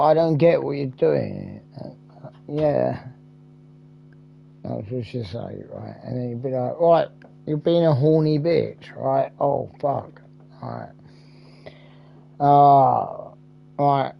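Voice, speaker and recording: Gravelly-voiced man rambling crudely. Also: mid-range voice, slow pace, pauses often, lo-fi sound. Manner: rambling, crude, heavy swearing. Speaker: gamer. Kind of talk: casual gameplay commentary.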